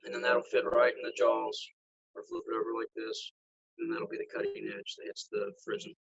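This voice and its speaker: Over a video call, a flintknapping instructor teaches step by step, demonstrating with his hands as he explains in a practical way. His medium-pitched voice swoops wildly, fairly quick, creaky and breathy with a fairly bright tone. It's recorded on a phone with lo-fi audio.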